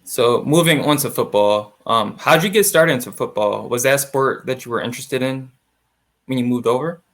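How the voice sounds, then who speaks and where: Speaking at a normal speed in a medium-pitched, fairly bright voice, a young associate producer opens with a scripted intro and then chats with his guest. He keeps things friendly, dropping casual fillers such as "like" and "awesome."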